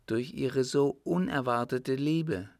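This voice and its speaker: A rich widowed countess, older and resolute, speaks softly and confidingly, voiced by a male audiobook reader who lifts his pitch. Her words come slowly, with a gravelly edge. The sound is close and dry. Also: no echo. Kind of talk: audiobook reading.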